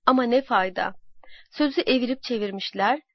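A woman tells a historical tale in a slow, measured, dramatic manner. Her voice sits fairly high. The recording is dry and somewhat dull. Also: no echo. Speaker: narrator. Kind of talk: scripted historical storytelling.

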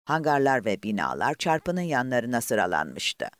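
A man's voice: medium pitch, sing-song, unhurried, fairly bright tone, no room sound. A man narrating an audiobook expressively and voicing the characters himself.

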